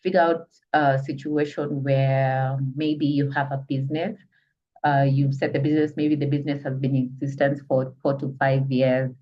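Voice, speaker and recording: A business trainer with a Kenyan accent gives an online lecture in a mid-range voice, with a level tone at normal speed. He explains step by step and often asks whether listeners are following. The video-call audio sounds distant and muffled.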